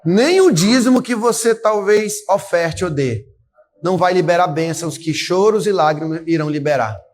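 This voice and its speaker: A man's voice: sits high, moderate pace. A man preaching a fervent sermon at a church service, exhorting and calling out to the congregation. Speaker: pastor.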